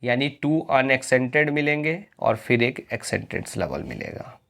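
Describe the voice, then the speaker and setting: A male teacher giving an exam-prep lecture, reading English definitions slowly and often asking the students if it is clear. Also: medium pitch, animated, fairly bright tone. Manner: slow, drawn-out reading of English definitions, quizzing questions to students; repeatedly asks "clear friends?".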